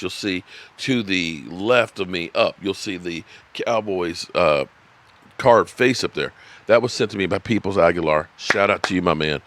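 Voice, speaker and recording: A man in his fifties with a lowish, slightly bright voice hosts a live sports stream for a sports channel. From his desk, he reads viewers' chat comments, rambling, swearing, and laughing along the way.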